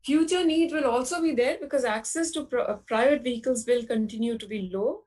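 A woman giving a webinar presentation over a video call, explaining in a measured way with frequent pauses and fillers. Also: a little high, darkish tone, low-quality recording. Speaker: panelist presenting slides.

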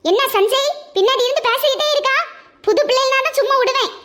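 A woman's voice: very high-pitched, quick pace, bright, forceful tone, a little hiss or hum. A woman voicing a stern cartoon teacher. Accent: Tirunelveli Tamil. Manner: stern, scolding. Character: strict middle-aged female schoolteacher. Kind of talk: cartoon voice acting.

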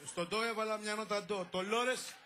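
A bumbling lovesick suitor. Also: male voice, high-pitched, steady tone, sharp tone, slight background noise. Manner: fumbling, muttering asides, scolding a helper. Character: bumbling lovesick man serenading clumsily. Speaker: comic lead in a film. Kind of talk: 1960s Greek film comedy acting.

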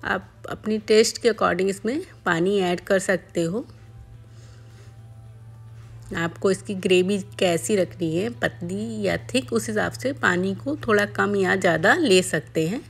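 Calm woman explaining a recipe. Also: mid-range voice, measured pace, gravelly, hardly any pauses, husky. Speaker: cooking channel host. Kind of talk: voice-over cooking tutorial.

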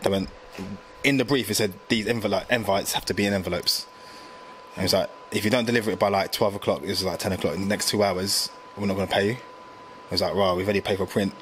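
Quick slangy guy in his 30s, lowish voice, bit of faint room hiss. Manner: slangy, animated, lots of fillers. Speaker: graphic designer guest. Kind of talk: casual storytelling chat.

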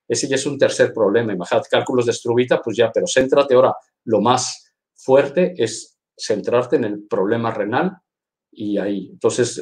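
A man's voice: mid-range voice, darkish tone. A man working as a veterinarian, reading out viewer questions on a live stream and answering them in a casual, direct way, often repeating words and saying "eh" and "te digo".

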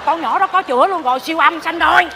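A woman playing a nosy, pious neighbor in a stage comedy, gossiping with loud exclamations and hushed asides. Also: very high-pitched, fast talker, a little hiss or hum, heavily acted. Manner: gossipy, exclaims loudly, then drops to a whisper. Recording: stage hall reverb, faint audience.

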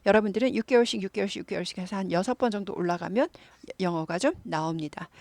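Woman, middle-aged, English teacher, lively explainer, repeats drills, close dry sound. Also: mid-range voice, fast talker, gravelly, dry recording. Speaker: English teacher, channel host. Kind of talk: explaining English phrases to learners.

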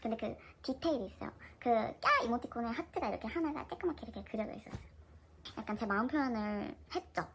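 A woman in her twenties casually telling a personal story in an animated, chatty way. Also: a little high, fast talker, slightly rough, rough recording.

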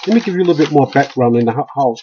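A middle-aged video blogger rants heatedly into a close-range webcam in a small room, stammering through repeated restarts. His medium-pitched, mellow voice moves rapid-fire with lively intonation. The webcam audio is dull and lo-fi, with slight background noise.

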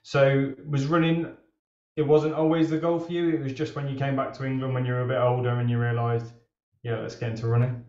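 A man's voice: mid-range voice, flat delivery, fairly quick, darkish tone, no room sound, muffled recording. A man in his thirties hosting a running interview show, talking casually with lots of fillers. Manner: chatty, loose, many fillers. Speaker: running podcast host. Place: outdoors on a wet street, then a home room on a video call.

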